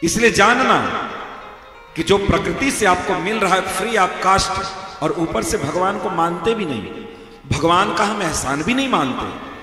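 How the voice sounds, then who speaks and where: A man giving a devotional sermon, telling stories and acting out the characters' lines in lively dialogue. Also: sits high, unhurried. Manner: animated storyteller voicing characters in dialogue. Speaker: spiritual preacher. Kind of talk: Hindi devotional sermon with storytelling. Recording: echoey hall with long reverb, faint music.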